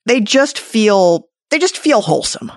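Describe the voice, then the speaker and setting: A woman's voice: mid-range voice, big pitch swings, a little slow, no echo. Woman podcast host, playful, chatty, dry close mic. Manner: chatty, playful, many restarts. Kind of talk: casual recap chat.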